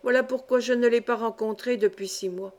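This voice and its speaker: Woman reader as a mad young widow in an audiobook: feverish, rambling, higher voice. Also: fairly even intonation, a little mellow, natural voice. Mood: wistful. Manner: rapid, feverish, crying out curses. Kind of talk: audiobook reading.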